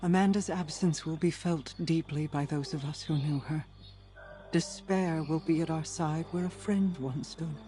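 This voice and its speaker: An actress playing an ancient, regal woman in a video game, solemn, formal and sorrowful in measured phrases. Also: sits low, dark tone, faint music behind, natural voice. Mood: solemn grief. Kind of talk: dramatic video game acting.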